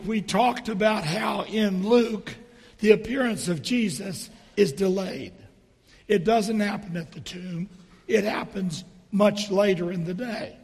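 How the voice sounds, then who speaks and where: A middle-aged or older man giving a sermon in a hoarse stage whisper, his voice almost gone, speaking deliberately with pauses between phrases. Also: high-pitched. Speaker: preacher. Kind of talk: sermon with storytelling and dry humour. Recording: reverberant hall.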